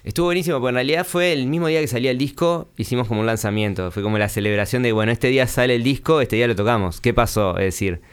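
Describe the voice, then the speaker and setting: A man, a musician being interviewed, talking in a relaxed, rambling way with fillers. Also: mid-range voice, racing, few pauses, smooth. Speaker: musician guest. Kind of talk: casual interview talk.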